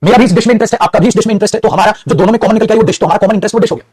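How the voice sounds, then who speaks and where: A man's voice: high voice, rapid-fire, a little mellow, breathy edge, no echo. A man teaching English grammar in a classroom, explaining patiently and calling his students "child", with some moral advice. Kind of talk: classroom lecture.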